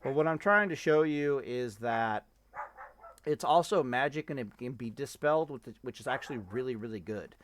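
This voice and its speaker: This man streams a game with loose, meandering commentary, swearing and breaking off mid-thought as he tries things out. He speaks at a moderate pace in a medium-pitched voice, with slight hiss or hum audible.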